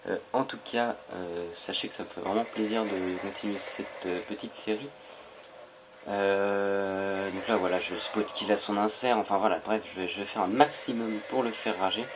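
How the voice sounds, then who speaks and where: Young man, low voice, casual gameplay commentary, hesitant and rambling, clear background noise. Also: fairly even intonation, moderate pace. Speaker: gaming video creator.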